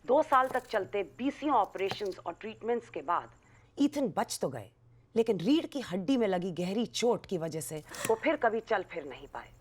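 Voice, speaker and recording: A television news reporter in a film. Her delivery is crisp and dramatic. Her pitch is lively and animated. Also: moderate pace.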